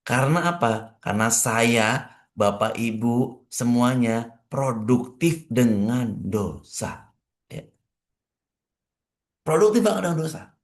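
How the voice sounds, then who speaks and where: A man giving a morning religious study talk as a preacher, speaking conversationally to his listeners and emphatic and repetitive, with wide swings in pitch. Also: expressive, takes it slowly, long pauses. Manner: conversational, addressing listeners directly. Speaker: Islamic preacher.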